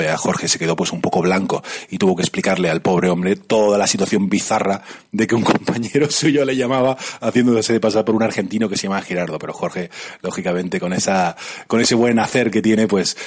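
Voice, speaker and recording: A man casually telling a funny anecdote about a colleague, warm and anecdotal. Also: fairly low pitch, slightly rough. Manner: warm, anecdotal, laughing at his own prank. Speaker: radio colleague sending a message. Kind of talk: casual storytelling.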